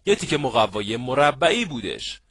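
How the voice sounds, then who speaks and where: A man giving an animated seminar lecture on networking, acting out little scenes and checking that his audience follows. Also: mid-range voice, breathy edge, no room sound. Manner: lively, acts out little scenes, asks the audience if they follow. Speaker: networking trainer.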